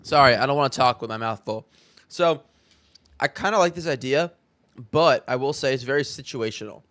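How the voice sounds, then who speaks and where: A man's voice: medium pitch, normal speed, fairly bright tone. A young man streaming live, chatting loosely and reacting to a video while talking to his viewers. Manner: chatty, loose, swears casually. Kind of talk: casual live-stream commentary.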